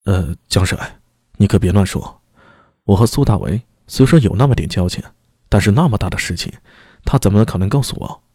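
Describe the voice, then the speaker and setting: A man's voice: fairly low pitch, lively intonation, a little fast, dark tone, breathy edge, no echo, clean studio sound, voice pushed down. A man voicing a cautious male constable in an audio story, speaking in a hesitant, placating way. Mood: wary.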